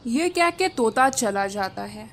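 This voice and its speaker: High-voiced woman narrating a cartoon story. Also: expressive, slow pace, slight background noise.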